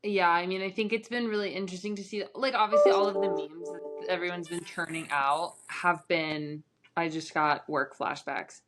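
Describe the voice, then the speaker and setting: A woman's voice: lowish voice, fairly even intonation, normal speed, music in the background. A woman co-hosting a casual podcast, rambling and losing her thread with many fillers. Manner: rambling, self-interrupting, filler-heavy. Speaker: podcast co-host. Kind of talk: casual chat.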